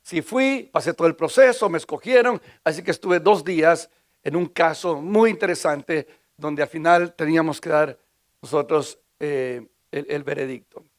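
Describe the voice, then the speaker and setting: A man's voice: a little high, normal speed. A man from Guatemala, preaching a sermon in a conversational way, asking the congregation questions and often repeating and restarting words. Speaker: pastor.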